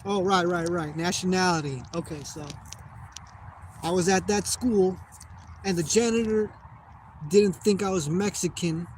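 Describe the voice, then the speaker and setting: A man's voice: high-pitched, measured pace, long pauses, darkish tone. A young American man in a casual monologue, swearing a lot and rambling as he loses his train of thought. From United States. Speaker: vlogger. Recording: noisy background.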